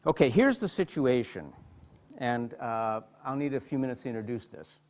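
A man's voice: mid-range voice, expressive, moderate pace, a little mellow, a little hiss or hum. A middle-aged man, a psychotherapist, lecturing to an audience and telling stories animatedly, often repeating and restarting words. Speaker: psychotherapist giving a hospital lecture.

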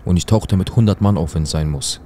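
A man's voice: sits low, fast talker, dark tone, a little hiss or hum, lightly acted. A man voicing a menacing skinhead thug. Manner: threatening, coarse street talk. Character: menacing hulking young skinhead man, threatening.

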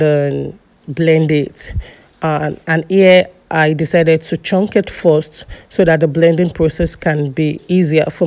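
A middle-aged woman, talking through a recipe in a relaxed, chatty cooking voice-over. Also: low voice. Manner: chatty, relaxed, with small laughs. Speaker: cooking vlogger.

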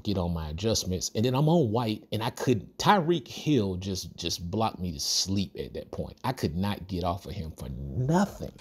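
A man with a deep, darkish, slightly rough voice hosts a football video game tutorial. He commentates casually over his own gameplay, tossing out cocky, playful trash talk and chuckling.

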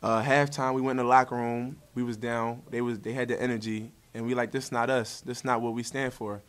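Fielding post-game press conference questions from behind a table mic, a young college basketball player stays upbeat, relaxed, and slangy. His voice is mid-range, smooth, and fairly quick, with a flat delivery.

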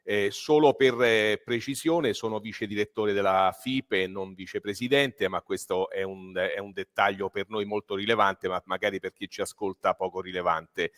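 Middle-aged guy presenting over a video call, lowish voice, reverby call audio, lots of ehm. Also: fairly bright tone. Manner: halting, many fillers and restarts. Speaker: trade association vice director. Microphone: video call with headset.

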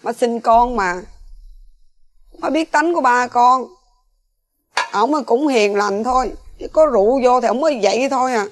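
A gentle, long-suffering mother with a Southern Vietnamese accent, acted by a woman, always pleading and protective in a TV crime drama. Her voice sits high for a woman. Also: measured pace, long pauses, natural voice.

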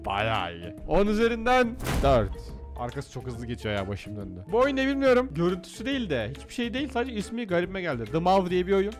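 Male let's-play host, excitable and joking, lively voice over game music. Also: on the high side. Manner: excitable, jokey, shouts at the game. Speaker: gaming YouTuber.

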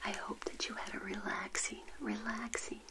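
An older woman whispers a gentle, playful ASMR roleplay as a witch hostess, addressing the listener directly in a breathy voice. Her voice sits in the mid range, with a flat delivery and a moderate pace.

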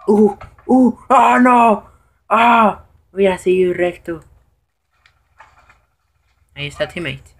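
Excitable man narrating his gameplay. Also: extremely slow, long pauses. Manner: excitable, bursts into high shouts when losing. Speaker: gameplay commentator. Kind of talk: casual live gameplay commentary.

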